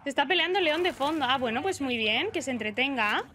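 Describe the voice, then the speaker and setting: A woman's voice: high voice, expressive, fast talker, sharp tone. A young woman from Spain with a Spanish accent, chatting casually through live gameplay commentary and breaking into shrieks and swearing when she gets startled. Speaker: streamer.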